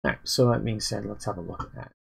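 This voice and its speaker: Very gravelly, husky-voiced man thinking aloud. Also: on the low side, low-quality recording. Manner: rambling, halting, many fillers and restarts. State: sleepy. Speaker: dungeon master planning a campaign. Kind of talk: casual livestream, thinking aloud.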